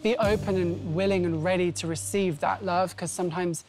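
A man's voice: sits high, steady tone, normal speed, faint music behind. A man who is a drag queen panelist, talking in a panel chat. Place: TV studio panel stage.

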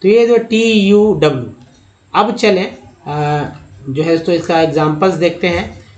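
A man's voice: fairly high pitch, a little slow, a little mellow, highs cut off. Echoey male English tutor explaining rules. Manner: repetitive, explanatory, addresses viewers as friends. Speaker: English teacher. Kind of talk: Hindi-language lesson on English spelling.

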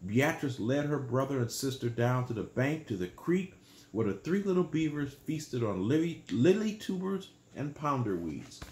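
A man reading a bedtime story aloud and gently explaining it to children. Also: mid-range voice, big pitch swings, normal speed, echoey room. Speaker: storyteller, channel host.

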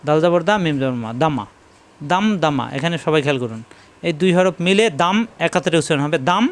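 Patient man drilling syllables slowly. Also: a little high, smooth. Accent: Bangladeshi Bengali. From Bangladesh. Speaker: Quran reading teacher. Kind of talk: slow spelling drill lesson.

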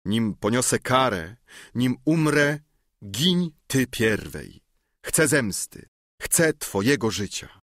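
A man voicing an impassioned young noblewoman who feigns fury, with vehement, declamatory outbursts, raised above his own pitch. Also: sing-song, slow pace, fairly bright tone, dry recording, studio quality, full character voice. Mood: furious.

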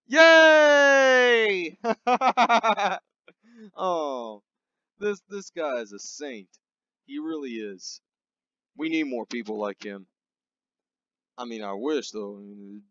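Slow, profane ranting man. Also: a little high, no echo, muffled recording. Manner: profane, repetitive, mocking rants. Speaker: host of a satirical show. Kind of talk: ranting comedy monologue.

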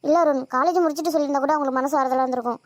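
A guilt-ridden young female college student in a cartoon, voiced by a woman, apologizing and pleading. She speaks very fast in a high voice, recorded dry. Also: fairly even intonation, dry recording, natural voice. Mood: apologetic. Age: young adult. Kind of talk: animated cartoon dubbing.

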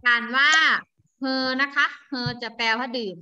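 A woman's voice: fairly high pitch, normal speed, sharp tone, highs cut off, a little hiss or hum. A woman teaching an online language class, patiently drilling pronunciation and calling on students by name. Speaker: Chinese teacher.

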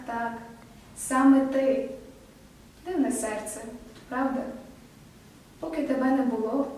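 A woman reads a children's tale in a gentle, measured manner, her voice high yet mellow. She is heard from a distance in a very echoey room. A faint noise lies beneath her. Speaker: student narrator. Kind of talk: reading a children's story aloud. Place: improvised studio in a room.

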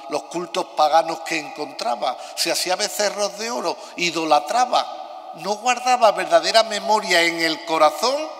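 Older male preacher, fairly high-pitched, emphatic sermon delivery, ringing cathedral echo. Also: sharp tone. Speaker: bishop preaching a homily. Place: large stone cathedral, indoors. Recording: long echoing cathedral reverb.

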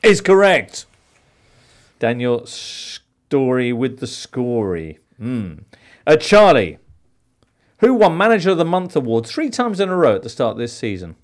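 A man's voice: medium pitch, sing-song, unhurried. A man hosting a football quiz on a podcast, reading questions in a playful, theatrical way. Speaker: quiz host.

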